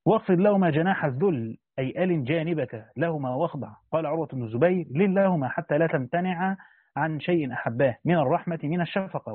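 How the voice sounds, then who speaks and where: A man's voice: mid-range voice, no room sound. A man with an Egyptian accent reading a classical Quran commentary aloud and breaking off into casual explanations with fillers. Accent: Egyptian Arabic. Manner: reads the text then explains in casual colloquial asides with fillers. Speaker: Quran commentary reader and teacher. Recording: tinny phone-like lo-fi audio.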